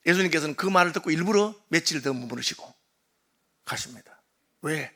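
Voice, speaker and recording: A man preaching a sermon in a high, bright voice. He talks to the congregation directly, as if in conversation. He acts out the people in his stories with sudden jumps in pitch and loudness. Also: expressive, a little fast. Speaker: pastor.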